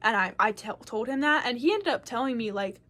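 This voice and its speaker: A woman's voice: on the high side, fairly quick. A young woman casually telling a personal story to camera, frank and swearing freely, with lots of filler words. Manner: animated, shifting loudness as she tells it. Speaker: vlogger.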